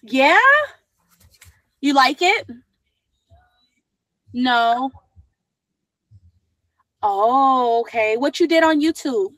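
A woman's voice: high-pitched, animated, very slow, pauses often, a bit bright, no room sound. A woman hosting a casual livestream chat, laughing often and calling viewers "my love". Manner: laughs often, affectionate, calls people "my love". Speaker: livestream host.

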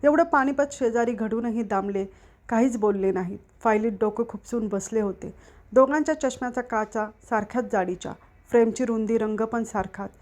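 A woman narrating a literary short story aloud in a steady, expressive way. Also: on the high side, normal speed.

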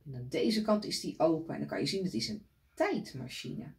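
A woman reading a picture book aloud to children, gently pointing out the pictures as she goes. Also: deep voice, very animated, moderate pace.

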